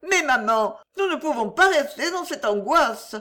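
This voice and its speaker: Brief: woman voicing a vehement young storybook heroine, lively high pitch, pleading. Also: moderate pace. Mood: pleading, indignant. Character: passionate young woman defying an arranged marriage.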